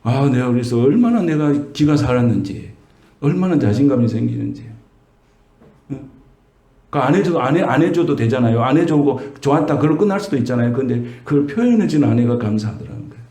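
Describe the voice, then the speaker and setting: Gravelly Korean pastor preaching. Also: male voice, medium pitch, lively intonation, brisk, mellow. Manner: conversational preaching, rhetorical questions to the congregation. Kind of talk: sermon. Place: church sanctuary. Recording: echoey church room.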